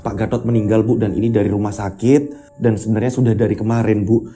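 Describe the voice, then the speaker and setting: A man voicing a solemn male official delivering bad news in a low, formal manner. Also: level tone, fast talker, over music, close to an everyday voice. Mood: somber.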